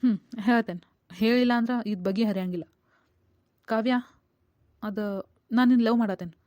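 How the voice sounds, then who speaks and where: A woman's voice: a little high, normal speed, a little mellow, dry recording, lightly acted. A woman with a North Karnataka Kannada accent voicing an earnest young office worker pleading with a coworker in a cartoon comedy. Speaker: cartoon voice actor. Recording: dull lo-fi dry recording.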